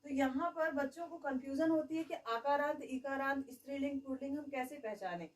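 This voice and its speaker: A woman's voice: high-pitched, fairly quick, recorded from a distance, poor audio. A woman teaching a grammar lesson. She keeps asking the class questions and answering them herself, and she says "okay" often.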